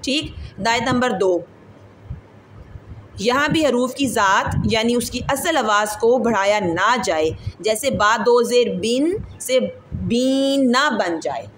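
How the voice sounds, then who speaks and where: A woman leads a recitation class in a slightly high voice, patient and methodical. She often asks her students questions and repeats herself to make sure they follow. A faint hiss of noise runs under her voice. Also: slow pace, a bit bright, rough recording. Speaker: Quran recitation teacher. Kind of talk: classroom lesson.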